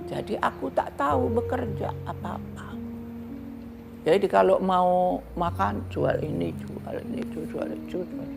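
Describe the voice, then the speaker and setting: A woman's voice: medium pitch, gravelly. Woman voicing a desperate young mother. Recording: music playing underneath.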